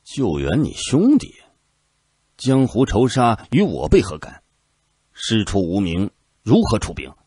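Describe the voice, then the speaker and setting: A gruff, explosive army general from a storybook tale, roaring and cursing in a raised, husky voice that swings wildly up and down, as a male narrator puts him on. The voice is dry and close. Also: lowish voice, wildly swooping pitch, unhurried, pauses often, dark tone, no echo, heavily acted. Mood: furious.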